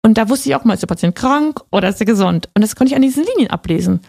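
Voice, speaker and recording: A woman's voice: a little high, animated, racing, creaky, darkish tone, no echo, studio quality. A woman guest on a radio talk show who tells her story with enthusiasm, often agreeing with "genau". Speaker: podcast guest, investor. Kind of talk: casual radio interview.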